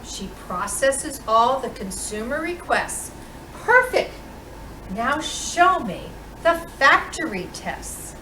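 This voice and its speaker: Taking on the role of Mrs. Claus, a female storytime reader gives a slow, expressive picture-book reading full of dramatic pauses. She has a high voice, captured from afar in a roomy space with noticeable background noise.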